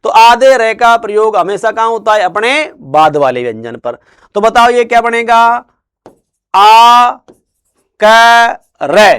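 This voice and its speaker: With lively intonation and a smooth delivery, a man lectures a class on Hindi grammar. He asks his own questions and replies in a quieter, lower register, slowly stretching words out when he wants to emphasize them.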